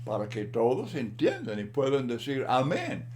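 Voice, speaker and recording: A man giving a Bible lesson in a slow, deliberate manner, often repeating words for emphasis. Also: medium pitch, wildly swooping pitch, darkish tone, a little hiss or hum. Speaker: Bible teacher.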